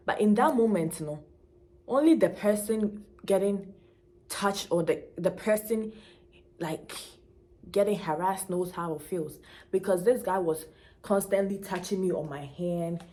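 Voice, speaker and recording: A young woman with a Ghanaian accent tells a story to camera in an emphatic, animated way, mixing local slang into her talk. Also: mid-range voice, unhurried. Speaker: vlogger.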